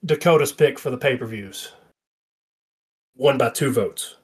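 A man's voice: medium pitch, measured pace, husky. A man hosting a casual wrestling podcast, laughing often and steering the chat back on track. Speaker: podcast host.

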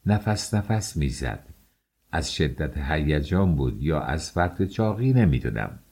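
A man's voice: very deep voice, very animated, vocal fry, a little mellow, breathy edge. A man reading an audiobook aloud, narrating the story and voicing the dialogue with shifts in tone.

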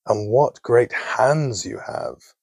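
A sweet, innocent little storybook girl, as a male narrator puts her on, lifted higher than his usual voice but still with a faint rasp underneath. The sound is close and dry. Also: wildly swooping pitch, slow, a little mellow, no room sound, heavily acted.

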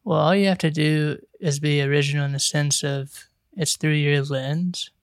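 A man's voice: fairly high pitch, steady tone, normal speed, smooth, no room sound, clean studio sound. A man hosting a podcast, easygoing and steering the conversation toward his guest. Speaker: podcast host. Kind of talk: casual podcast chat.

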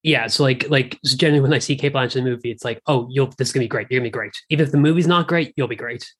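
A man's voice: medium pitch, very fast, fairly bright tone, slightly rough. A man from Ireland with an Irish accent, talking informally as a guest in a casual film discussion, often saying "like". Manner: informal, peppered with "like". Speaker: podcast guest.

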